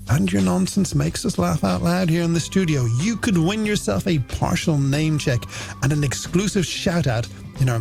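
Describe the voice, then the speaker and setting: Presenting a late-night music program on the radio, an Irish DJ is playful, theatrical and polished as he handles games and shout-outs. He speaks a little high, slightly mellow, with some vocal fry, over a music bed.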